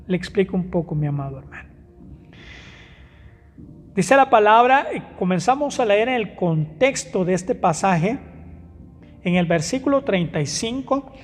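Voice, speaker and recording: Preacher in a reverberant church. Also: male voice. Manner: emphatic, swinging between raised exclamations and soft low asides; hesitant fillers and self-corrections while finding verses. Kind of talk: sermon. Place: church hall. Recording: reverberant church hall with music behind.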